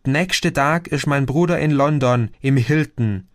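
A man's voice: medium pitch, a little slow, dry recording, clean studio sound, close to an everyday voice. A man reading an audiobook, voicing a lonely young man who complains in a plaintive, self-pitying way.

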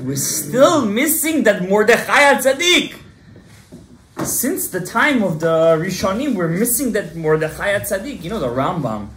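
A man's voice: high voice, slight background noise. A man in his thirties, a rabbi giving an emphatic Torah class to a small group and quizzing his listeners. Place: synagogue study room, indoors. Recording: roomy echo.

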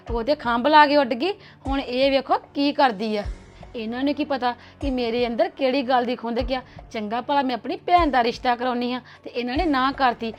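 A young actress playing a cautious, gossiping elder sister-in-law who talks in a confiding manner. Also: female voice, high-pitched, close to an everyday voice. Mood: scheming. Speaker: actor. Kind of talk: web series drama acting.

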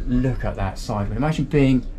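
A man with a medium-pitched, dark-toned voice talks briskly as he carries a camera through a boat, chatty and upbeat and thinking aloud. He's a boat reviewer doing a casual walkthrough vlog, moving from a marina pontoon outdoors into a small motor boat cabin, with slight background noise.

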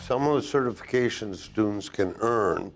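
A man in his sixties, a welding instructor, answering interview questions in a classroom with measured, deliberate phrasing and a lapel mic. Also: on the low side, faint music behind. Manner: measured, deliberate, listing points with pauses. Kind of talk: interview answers to a program video. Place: classroom, indoors.

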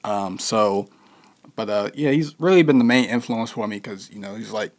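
A man's voice: on the low side, moderate pace. Laid-back young man, lots of fillers. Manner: laid-back, heavy with fillers like "you know". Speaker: interview guest, musician. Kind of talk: casual interview conversation.

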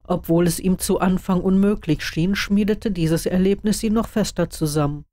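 A woman reading a story aloud in a calm, even manner. Her voice is fairly low for a woman and has a dark, mellow tone. The recording is dry and close, with no room sound. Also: dry recording. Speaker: narrator. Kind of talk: audiobook reading of fan fiction.

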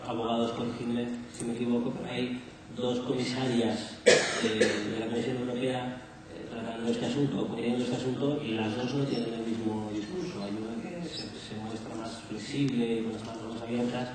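A hoarse man in his forties with an accent from Spain speaks haltingly and off the cuff as a panelist. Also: mid-range voice, fairly even intonation, a crowd in the background. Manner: halting, hesitant delivery. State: hoarse, under the weather. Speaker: industry association panelist. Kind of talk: unscripted panel discussion. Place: conference stage, large indoor hall. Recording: echoey hall, distant mic, noisy.

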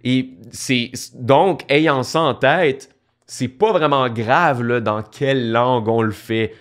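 A man's voice: mid-range voice, takes it slowly. A man hosting a podcast, talking in a chatty, conversational way with frequent restarts. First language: French. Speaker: podcast host. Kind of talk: casual podcast monologue.

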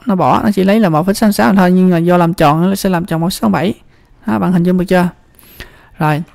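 A computer skills instructor with a Southern Vietnamese accent chats through a screen-recorded spreadsheet tutorial, repeating words and often checking in with the viewer. The voice is medium-pitched and darkish with vocal fry, in a dry recording.

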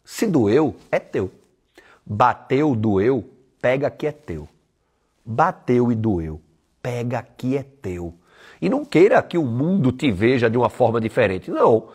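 A man coaching his live-stream audience in a blunt, swear-heavy way. His voice sits fairly high and sounds husky. His pitch swings widely as he hammers his points home. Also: darkish tone. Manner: blunt, profane, emphatic; tells stories and voices the people in them. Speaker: online weight-loss coach. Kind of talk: live-stream motivational talk.

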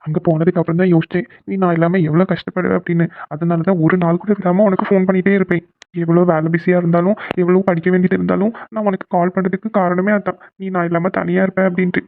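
A man voicing a gentle, loving young husband in a cartoon, speaking softly and reassuringly. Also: high voice, level tone, fast, dry recording, narrow, tinny audio. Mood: tender. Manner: soft and reassuring. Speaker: husband who returns home. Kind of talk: cartoon voice acting.

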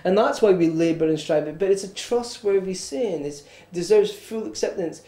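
High-voiced earnest preaching man. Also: normal speed, mellow, roomy sound. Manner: earnest, repetitive preaching with stammered restarts. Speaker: pastor. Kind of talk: sermon. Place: church.

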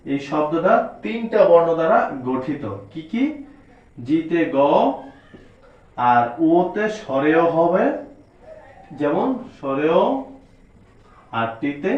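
A man teaching a spelling lesson, spelling out letters one at a time and asking and answering his own questions. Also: on the high side. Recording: echoey room, distant dull mic.

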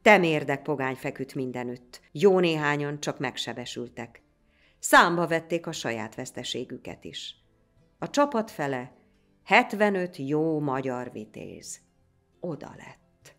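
Woman, storybook narration, low voice, dramatic reading, faint music. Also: lively intonation, a bit bright.

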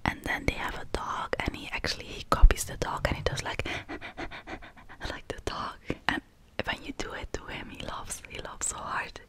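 A young woman whispering soft, repeated affirmations and casual chat into a close microphone as an ASMR creator. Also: normal speed. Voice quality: unvoiced whisper. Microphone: close sensitive mic.

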